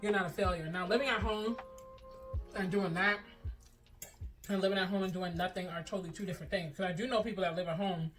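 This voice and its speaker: A young woman vlogger chatting casually in a slangy, animated way, telling personal stories and giving advice, often acting out dialogue. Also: on the low side, quick pace, long pauses, distant mic, faint music behind, rough recording.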